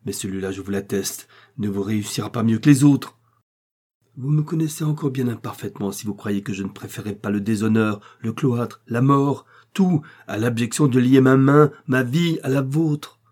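A man's voice: medium pitch, moderate pace, darkish tone, slightly rough, lightly acted. A man reading the lines of a proud young heiress who vehemently accuses a man, with scornful fervor.

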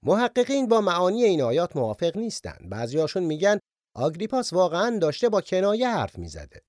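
A man teaching the Bible, retelling scripture scenes with lively quoted voices. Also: sits high, no echo, studio quality.

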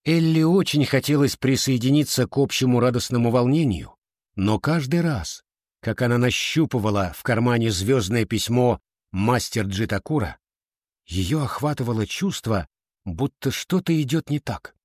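A male narrator reads a children's fantasy book in a measured, steady storytelling voice. His pitch sits in the middle of the range. The recording is close and dry, with no reverb. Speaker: audiobook narrator. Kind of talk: scripted narration.

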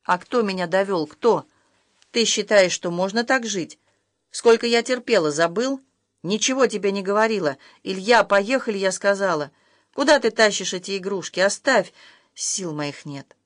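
A reader voicing a distraught young mother who shouts accusations at her husband, in an audiobook. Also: mid-range voice, animated, normal speed, no echo, clean studio sound, close to an everyday voice. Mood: furious. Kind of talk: audiobook role reading.

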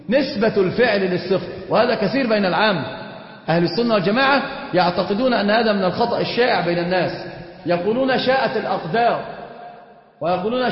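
In an echoey hall, a fast-talking man with a high-sitting voice teaches a class on creed. This Islamic teacher poses questions to his students and then answers them himself, and the sound is dull and lo-fi.

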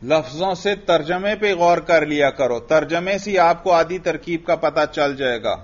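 A man teaching an Arabic grammar lesson, questioning a student and repeating the answers. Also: a little high. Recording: dull lo-fi audio.

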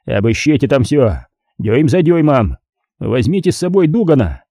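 Guy doing a snappy gang boss yelling orders, kinda husky. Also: medium pitch, very animated, moderate pace, no echo, clean studio sound, voice pushed up. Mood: harsh. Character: panicked male gang boss, harsh, short-tempered.

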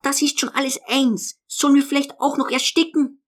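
A male narrator voicing a tense, sharp-tongued older daughter, speaking in clipped, shrill bursts under strain. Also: little pitch movement, moderate pace.

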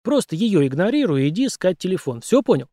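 A man playing a gruff, determined street cop. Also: high-pitched, sing-song, quick pace, mellow, voice pushed up. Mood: urgent. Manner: gruff, commanding, blunt.

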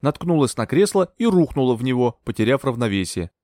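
A man narrates an audiobook from a script, telling the story expressively. His voice is medium-pitched and fairly quick, and the recording is dry with clean studio sound.

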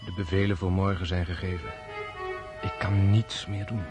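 An actor playing a melancholy prince and officer, speaking a grave, deliberate, introspective monologue in a radio drama. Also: male voice, low voice, flat delivery, close to an everyday voice. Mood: brooding, sorrowful. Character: melancholy Russian prince and officer brooding before battle. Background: orchestral string music.

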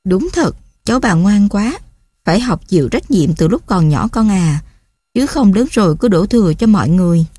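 A woman voicing an old grandmother who gently lectures her grandchild. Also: mid-range voice, lively intonation, normal speed, slightly rough, dry recording, studio quality. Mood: gently sad.

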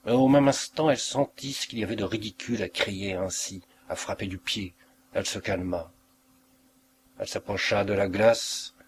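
A man reading a literary short story aloud with a measured, expressive narration. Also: fairly low pitch, a little hiss or hum. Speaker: audiobook reader.

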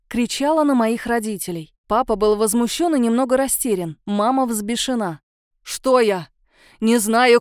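A woman narrating a first-person story for an audiobook in an expressive, measured way. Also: a little high, no room sound, clean studio sound.

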